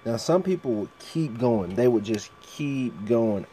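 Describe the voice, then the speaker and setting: A man's voice: mid-range voice, expressive, a little slow, mellow, slight background noise. A man giving a casual walkthrough of a mobile game, with a fan running in the background. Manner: frequent throat clearing. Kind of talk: casual video walkthrough commentary.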